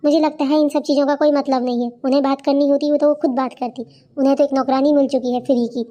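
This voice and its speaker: A woman's voice: sits high, fairly even intonation, quick pace, mellow, close to an everyday voice. A woman voicing a frustrated, overworked young daughter-in-law in a cartoon, speaking in a complaining, plaintive way. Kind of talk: cartoon voice acting.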